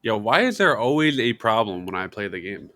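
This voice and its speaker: Low-voiced man, dry close sound. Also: very animated, a little fast, bright, forceful tone, no room sound. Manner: frustrated, bickering. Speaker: friend joining the game. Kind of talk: casual chat over voice call.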